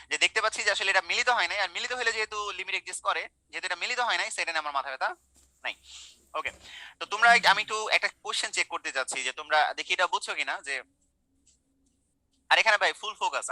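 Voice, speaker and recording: Young male math tutor, online class. Bright, fast delivery, keeps checking in with students. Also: high-pitched, no room sound, low-quality recording. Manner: colloquial, coaxing, quizzing students. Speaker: math teacher.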